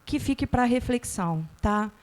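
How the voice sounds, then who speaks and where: A middle-aged Brazilian woman with a Brazilian Portuguese accent giving a talk, animated and questioning the audience directly. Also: on the high side, normal speed. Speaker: guest speaker.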